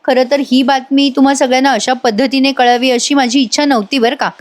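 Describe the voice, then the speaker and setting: A woman voicing an apologetic young woman who explains herself softly. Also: sits high, fairly even intonation, a little fast, pitched above the performer's own voice, close to an everyday voice.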